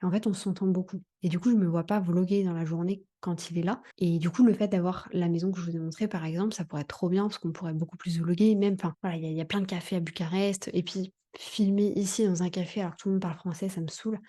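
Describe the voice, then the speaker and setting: A woman's voice: lowish voice, fairly even intonation, quick pace, hardly any pauses, mellow. Chatty, slangy French woman vlogger. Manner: chatty, filler-heavy, slangy. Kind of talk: casual monthly review vlog.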